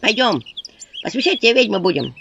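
A woman's voice: mid-range voice, big pitch swings, a little fast, vocal fry, fairly bright tone. A woman voicing a group of weary little imps who talk in a sighing, folksy way. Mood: resigned. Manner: sighing, matter-of-fact, folksy. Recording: dull audio with faint noise.

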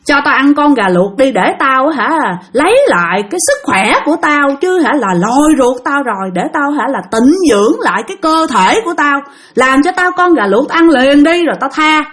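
Picture a vengeful old female spirit speaking through a possessed young man, voiced by a woman narrator. The voice sits far above normal, loud and piercing, with a strange, altered timbre. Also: expressive, normal speed. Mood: demanding. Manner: shrill, menacing, shouting threats.

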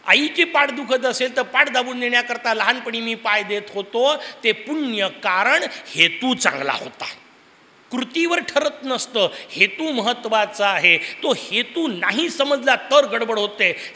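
A man with a high, sharp voice gives a Purana discourse, telling stories animatedly and putting rhetorical questions to the audience. The recording carries a long hall reverb.

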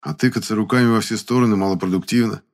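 A man narrating an audiobook in the first person with an even storytelling delivery. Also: on the low side, fast.

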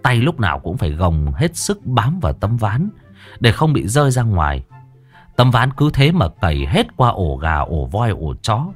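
Lively, crude-talking male storyteller. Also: on the low side, moderate pace, slightly rough, faint music behind. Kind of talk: casual spoken story narration.

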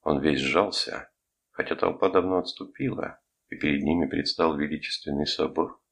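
A man reading an audiobook aloud in steady, measured scripted narration. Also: a bass voice, creaky.

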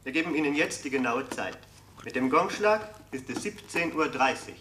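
An actor playing a formal radio announcer, heard over a radio, giving the time in a radio play. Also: male voice, medium pitch, expressive, normal speed, pushed and bright.

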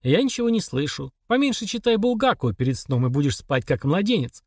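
A man reading an audiobook, voicing a cold, sadistic husband who talks calmly and sarcastically. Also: a little high, fairly quick, no room sound, studio quality, pitched above the performer's own voice. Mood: sarcastic. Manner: calm, flat, sarcastic.

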